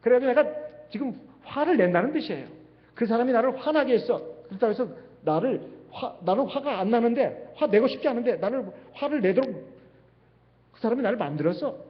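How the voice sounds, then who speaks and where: A man's voice: extremely high pitch, expressive, brisk. A man preaching a sermon as pastor in a church, asking rhetorical questions as he goes. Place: church sanctuary. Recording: dull livestream sound with long hall reverb.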